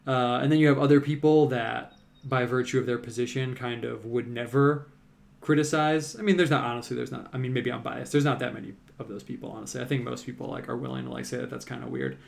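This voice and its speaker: A man's voice: medium pitch, quick pace, gravelly. A man chatting casually on a live stream as he paints, rambling loosely with lots of fillers. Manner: rambling, relaxed, many "like"s and fillers.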